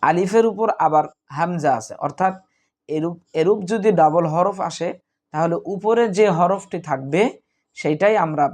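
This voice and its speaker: A man teaching Quran reading, spelling out letters and repeating each syllable slowly in a calm, instructive way. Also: fairly high pitch. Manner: calm instructive tone, addresses students as dear friends. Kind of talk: slow recitation lesson.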